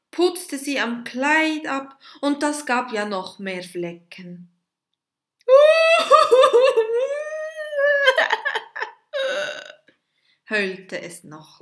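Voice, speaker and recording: A woman reading a children's story aloud, very slowly and with sudden soft whispers. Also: fairly high pitch.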